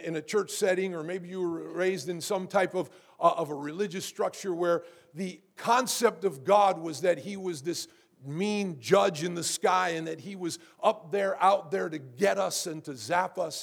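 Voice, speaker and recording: A man with a high voice preaching a sermon, and his tone has a gravelly edge. He keeps asking the congregation how many know. He repeats words and climbs louder and higher as he presses his point. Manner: rises in pitch and volume to preach with force. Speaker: pastor.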